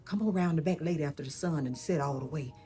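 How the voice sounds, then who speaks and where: A woman's voice: sits low, racing, warm tone, faint music behind, close to an everyday voice. A woman doing a drawling old-time Southern gossip. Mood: warning. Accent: Southern US dialect, put on. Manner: drawling, exclaiming, half-sung. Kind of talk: comic skit video.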